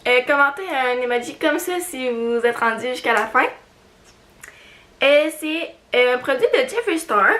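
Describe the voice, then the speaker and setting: A woman's voice: high-pitched, expressive, normal speed, a bit bright. A young woman with a Quebec French accent chatting casually in a beauty haul video, hesitant with many fillers and little giggles. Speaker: beauty vlogger.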